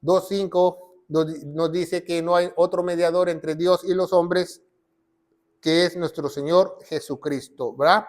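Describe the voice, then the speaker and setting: A man's voice: sits high, steady tone, unhurried, a little mellow. A man preaching. He presses his points by repeating short phrases and reciting scripture, teaching his listeners. His voice sometimes drifts off the mic. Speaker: pastor. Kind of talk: sermon teaching.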